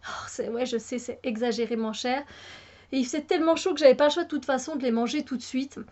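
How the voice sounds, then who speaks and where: A woman's voice: high voice, quick pace, a little mellow. A woman from Belgium with a Belgian French accent, chatting casually to her viewers, full of fillers and restarts. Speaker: YouTuber. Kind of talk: casual chat to camera.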